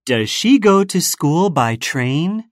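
Low-voiced woman reading slow questions. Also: very animated, no room sound, studio quality. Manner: slow, carefully enunciated questions for learners. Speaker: listening test reader. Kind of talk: scripted textbook dialogue reading.

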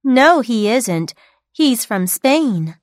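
Slow, high, lively woman reader. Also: no echo, clean studio sound. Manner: slow, carefully enunciated for learners. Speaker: listening test reader. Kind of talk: scripted textbook dialogue reading.

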